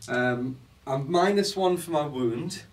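A man's voice: fairly high pitch, slow pace, recorded from a distance. A man playing a tabletop miniatures game, patiently explaining the rules in casual chat and laughing often.

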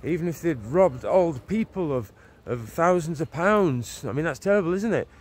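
A man's voice: fairly high pitch, expressive, normal speed. A man in his forties preaching while he walks outdoors, talking earnestly into a phone at arm's length, rambling with restarts. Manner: earnest, rambling, with many restarts and "you know". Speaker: street preacher. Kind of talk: walk-and-talk preaching vlog. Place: outdoors on a leafy town street and park. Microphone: phone camera held at arm's length. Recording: faint street noise and passing cars.

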